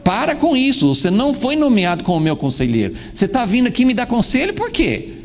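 A man's voice: very high voice, wildly swooping pitch, brisk, slight background noise, pitched above the performer's own voice, exaggerated voice. A man acting out an angry, proud ancient king who dismissively orders a prophet to stop talking. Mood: indignant. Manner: indignant, dismissive commands. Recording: long hall reverb.

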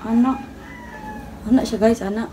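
A young woman chatters and teases through a comic live-selling parody, calling out to viewers as she goes. Her voice sits fairly high, and loud noise runs under everything. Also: fairly even intonation, moderate pace. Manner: chatty, teasing, addresses viewers as guys. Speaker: comedy vlogger.

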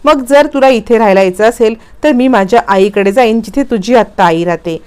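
A woman's voice: on the high side, fairly quick, a little mellow, smooth, close to an everyday voice. A woman reading an earnest young stepmother.

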